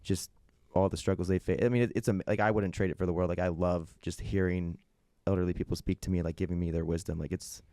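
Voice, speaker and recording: A man's voice: low-pitched, fairly even intonation, dark tone, no echo, studio quality. A man in his twenties, a touring musician who also works as a nurse, talking earnestly in a casual interview. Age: 20s. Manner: fast, earnest and reflective. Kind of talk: casual chat.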